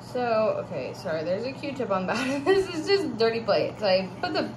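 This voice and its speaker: Holding her phone camera, the Nebraska woman who runs a farm vlog talks through a kitchen DIY project at home, rambling, chatty and prone to "um"s and restarting. Her animated voice is on the high side at normal speed, with background noise around her.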